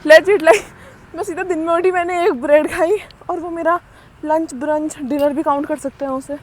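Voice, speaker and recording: A woman's voice: high-pitched, fairly even intonation, normal speed, poor audio. A young woman from India chatting and joking as she vlogs her day out on city streets, filming on a handheld phone. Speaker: vlogger. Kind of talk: casual vlog chat. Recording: faint street noise outdoors.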